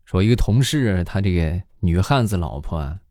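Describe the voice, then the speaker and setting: Low, dark-voiced joking man. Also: animated, moderate pace, dry recording. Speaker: comedian. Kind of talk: stand-up joke telling.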